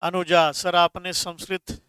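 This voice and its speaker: A man's voice: high-pitched, little pitch movement, measured pace, fairly bright tone, clean tone, no echo, clean studio sound. A man teaching a Hindi grammar class online, stressing key words and answering viewers' comments.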